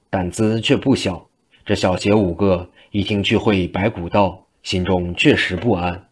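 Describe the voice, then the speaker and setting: A man telling a traditional story in a brisk, rhythmic narrating manner. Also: low-pitched, darkish tone, husky.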